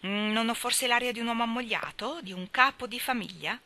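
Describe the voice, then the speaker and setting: A woman's voice: medium pitch, moderate pace, pushed and bright. A woman reading a novel aloud, voicing a cheerful, mischievous young man who jokes lightly. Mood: amused. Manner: jaunty, joking.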